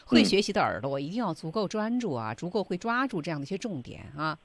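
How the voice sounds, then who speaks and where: A woman's voice: lowish voice, big pitch swings, fast talker, creaky. A woman co-hosting an educational radio program, summing up the teacher's points for listeners. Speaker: radio co-host.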